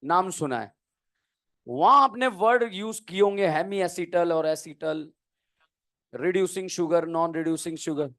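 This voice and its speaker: A man's voice: sits high, unhurried, fairly bright tone. A man teaching a chemistry class, firing questions at students, answering them himself and slipping in jokes. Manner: quizzing students, answering his own questions; joking, playful teasing. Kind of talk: classroom lecture.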